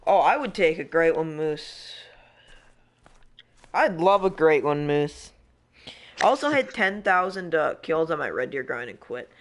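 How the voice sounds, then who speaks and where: A man's voice: fairly high pitch, lively intonation, a little slow, pauses often. A young man streaming a hunting game, chatting casually and rambling with restarts and frustration. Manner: rambling, self-interrupting, frustrated. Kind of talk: casual live-stream chat.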